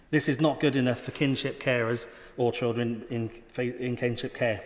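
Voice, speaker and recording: A man with a British accent delivering an earnest, formal prepared speech as a member of parliament in a large debating chamber. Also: medium pitch. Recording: reverberant hall sound.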